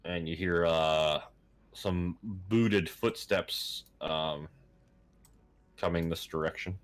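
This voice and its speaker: Deep-voiced man running a tabletop game. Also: steady tone. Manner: halting, with many fillers and chuckles. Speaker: game master.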